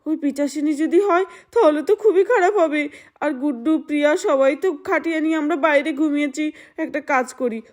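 A nervous young village mother frets aloud and hushes her children in a high voice, as a woman voices her. The doll cartoon keeps her anxious and soothing throughout. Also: natural voice. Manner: fretful, soothing. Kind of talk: doll-play storytelling.

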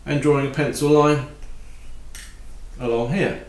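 Calm man teaching woodworking, echoey room. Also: mid-range voice, measured pace, slight background noise. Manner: calm, practical, talks while working. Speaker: woodworking instructor. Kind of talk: step-by-step workshop tutorial. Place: home workshop at a workbench.

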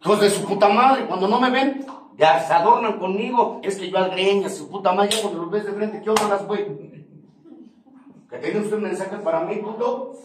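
A man's voice: high-pitched, moderate pace. A man with a Mexican accent giving a heated, profane, confrontational testimony at a recovery group meeting. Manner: profane, confrontational, preaching rant. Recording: very echoey room, far from mic, noisy.

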